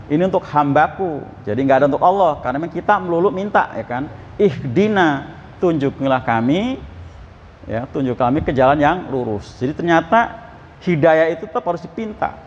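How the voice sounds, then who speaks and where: A man teaching Quran exegesis at a mosque, questioning his listeners and reciting Arabic verses slowly. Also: a little high, lively intonation. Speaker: ustadz giving Quran exegesis. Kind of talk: mosque study sermon. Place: mosque hall. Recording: muffled, echoey mosque hall.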